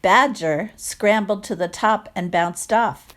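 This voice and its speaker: A woman reading a picture book aloud to children, expressive, with chatty asides and questions to listeners. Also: mid-range voice, takes it slowly. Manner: expressive, acts out sound words, asks listeners questions. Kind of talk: animated read-aloud storytelling with chatty asides.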